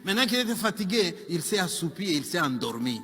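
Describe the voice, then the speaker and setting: A man telling a joke as a lively story, with asides to his listeners. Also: high voice, fast. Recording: long hall reverb, faint music.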